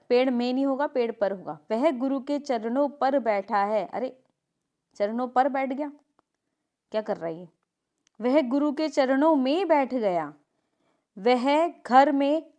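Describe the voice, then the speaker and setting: Woman teacher going through grammar examples, kinda high voice, fixes each one with a fast little aside. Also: mellow. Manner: reads example sentences, then corrects them in a quick aside. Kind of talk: grammar lesson.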